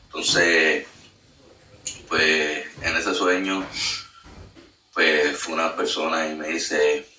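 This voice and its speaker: A man's voice: very deep voice, little pitch movement, drawn-out words, pushed and bright. A man giving an earnest spoken testimony, full of fillers. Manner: earnest, storytelling with many fillers. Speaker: guest sharing a testimony. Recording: echoey room, distant mic, faint noise.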